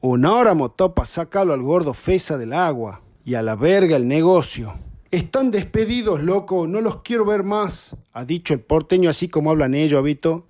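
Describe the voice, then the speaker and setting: A man's voice: on the high side, a little mellow, no room sound, clean studio sound. A man telling a crude, slangy comic story about his friends. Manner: slangy, crude, folksy, playing all the characters.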